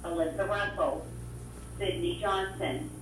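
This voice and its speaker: A woman's voice comes over a school intercom, distant and heavily echoing through the loudspeaker with a faint hiss. She reads out names in a formal, even announcement manner. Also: fairly low pitch, measured pace. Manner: formal, reading out a list of names. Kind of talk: public address announcement. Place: classroom, heard over a wall loudspeaker.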